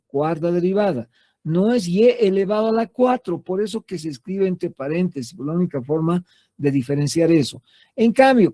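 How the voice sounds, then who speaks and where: A man gives a math lecture at a slightly high pitch, his voice soft and mellow rather than bright. He explains patiently, repeats key terms and keeps checking in with his listeners. The sound is dry and close, with no room echo. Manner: patient, repetitive, checks in with frequent "¿sí?". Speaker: math teacher. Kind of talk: classroom lecture.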